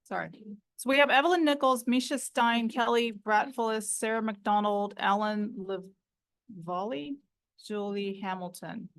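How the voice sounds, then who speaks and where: A woman's voice: a little high, fairly even intonation, measured pace. A woman chairs a public meeting, calling up speakers by name in brief, polite turns. She thanks each speaker and keeps the proceedings moving. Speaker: board president chairing the meeting.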